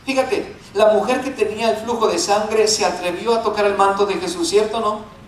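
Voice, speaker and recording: A male pastor preaching a sermon, animated and calling on the congregation to repeat after him. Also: sits high, a little fast, reverberant, recorded from a distance, slight background noise, low-quality recording. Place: church sanctuary.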